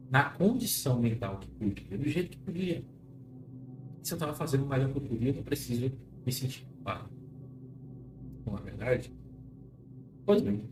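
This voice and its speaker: A man's voice: medium pitch, warm tone. A Brazilian man speaking as a therapist and hypnosis teacher, reassuring and instructive as he leads an informal guided self-care session. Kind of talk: informal live talk moving into guided relaxation. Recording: roomy echo with faint music.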